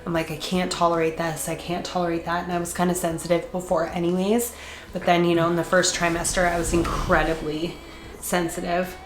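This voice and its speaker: In an echoey room with a noisy background, a congested woman vlogger talks casually to her camera and laughs a lot. Her stuffed-up voice sits on the low side for a woman, and she speaks fairly quickly with a flat delivery.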